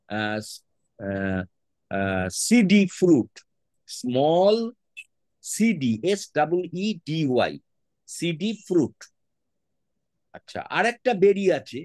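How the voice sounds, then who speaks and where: A man with a Bengali accent teaches a class over a video call, spelling words letter by letter with patience. His pitch sits a little high and swings about a lot. The sound is dry and close. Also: very animated, slow pace, pauses often, darkish tone, dry recording. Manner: mixes English words into his speech. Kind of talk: online class lesson.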